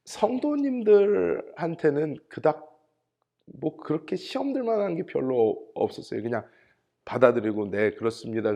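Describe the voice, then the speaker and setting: Speaking in a high, gravelly voice, a middle-aged man preaches as pastor in a church sanctuary. His sermon is full of lively stories, and he performs the quoted voices of the characters.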